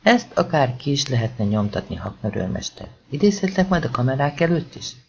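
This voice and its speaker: A man's voice: medium pitch, very animated, creaky, a little mellow, slight background noise. An audiobook reader voicing an impatient, sardonic male police chief. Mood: dry, wry. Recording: dull lo-fi recording.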